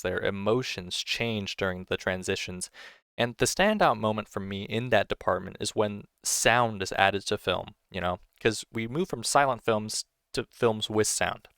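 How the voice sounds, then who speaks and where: Low, smooth-voiced man reviewing a film. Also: a bit bright, no room sound, studio quality. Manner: enthusiastic, rambling with frequent "you know" and restarts. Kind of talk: casual film review monologue.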